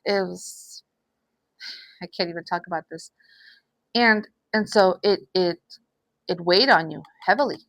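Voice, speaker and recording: A woman's voice: lowish voice, a little slow, pauses often, a bit bright, no room sound. Somber, hesitant woman giving a tarot reading. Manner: hesitant, repeats phrases, many restarts; sighs often. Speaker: tarot reader.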